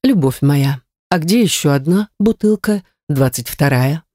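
Woman putting on a low sly rector guy, smug and bossy, warm dark tone. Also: animated, measured pace, no echo, clean studio sound. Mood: teasing. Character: smug domineering male rector, teasing.

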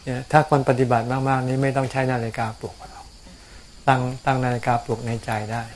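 A man, a Buddhist monk, answering questions about practice in a calm, explanatory way, often repeating words. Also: mid-range voice, fairly quick, slight background noise. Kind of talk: casual dharma Q&A. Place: outdoors on a mountain.

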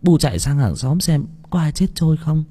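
A man voicing a poor village mother, speaking in a raised voice that turns to shrill screams. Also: animated, brisk, warm tone, breathy edge. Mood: instructing. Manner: raised pitch, shrill when terrified.

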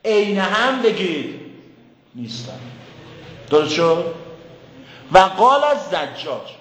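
A male teacher giving a lecture on Quran commentary in a classroom. He keeps asking the class questions and recites words slowly. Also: sits high, very animated, fairly bright tone, echoey room, long reverb tail, low-quality recording. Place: classroom with a board.

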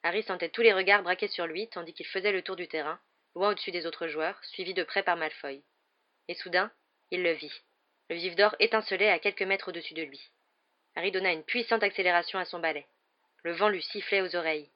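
A woman narrating a novel as an audiobook, reading in a lively storytelling manner. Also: on the low side, a little fast, muffled recording.

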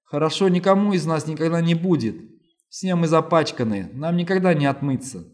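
A man's voice: on the high side, fairly quick, voice pushed up, lightly acted. Brief: male reader doing a panicked young woman, frantic, pleading, raised voice, audiobook. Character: terrified young woman hiding a family secret. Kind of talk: audiobook reading.

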